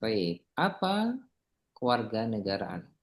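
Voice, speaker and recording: Relaxed teacher drilling Arabic words. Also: mid-range voice, takes it slowly. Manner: explains patiently, mixing Arabic drill words into relaxed talk. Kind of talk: casual tutoring lesson.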